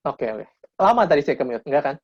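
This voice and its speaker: Man, 30s, guest speaker on a webinar; quick, informal lecturing full of restarts; dry, lo-fi call audio. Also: on the high side, very animated, slightly rough, no room sound. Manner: casual lecturing, frequent restarts. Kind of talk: webinar talk. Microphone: video call. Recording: dull lo-fi video call audio.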